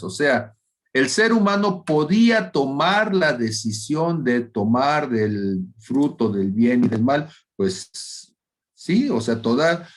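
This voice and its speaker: A man leads a Bible lesson at an unhurried pace. He talks it through deliberately, stopping often to check that his listeners are following along. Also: medium pitch. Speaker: Bible study teacher. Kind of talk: unscripted Bible class lecture.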